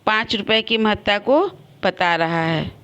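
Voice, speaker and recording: A woman teacher giving an online class lesson, explaining slowly with spoken examples and varied emphasis. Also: medium pitch, fairly bright tone, clean tone, dull audio. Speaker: school teacher.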